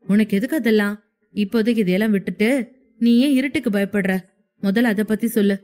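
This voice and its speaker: A protective young husband in a spoken storybook, calming and gentle, as a woman narrator puts him on. The voice stays close to the reader's own, only lightly acted. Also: medium pitch, fairly quick, lightly acted. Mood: brisk. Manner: soothing, reassuring.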